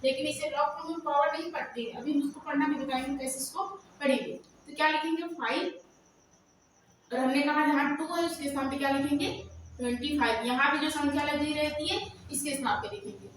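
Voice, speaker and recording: A woman teaching a math lesson who keeps asking questions and answering them herself, drawing out formulas slowly as she dictates them. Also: high voice, steady tone, a little hiss or hum. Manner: slow, drawn-out dictation of formulas. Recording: very echoey room, voice from far off.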